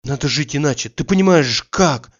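A man's voice: a little high, animated, normal speed, lo-fi sound, natural voice. A man voicing an urgent, pressing old friend. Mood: insistent. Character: energetic insistent grown man, old friend.

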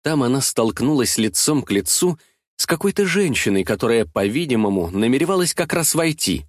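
Man with a mid-range voice, literary audiobook narration, measured and dramatic, dry booth sound. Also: mid-range voice, big pitch swings, dry recording.

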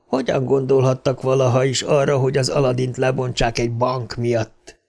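A man narrating a novel as an audiobook in a measured, steady reading with clear diction. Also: mid-range voice.

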